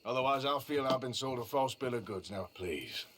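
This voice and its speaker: An actor playing a weary, cynical outlaw in a Western video game, with a Southern American drawl and dry, sardonic delivery. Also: male voice, mid-range voice, expressive, moderate pace, background noise, close to an everyday voice. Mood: stern, cold.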